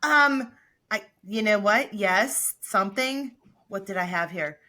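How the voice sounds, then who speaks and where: A woman's voice: medium pitch, animated, slow, sharp tone. A woman hosting a podcast who steers the topics in chatty, laughing casual conversation. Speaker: podcast host. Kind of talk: casual chat.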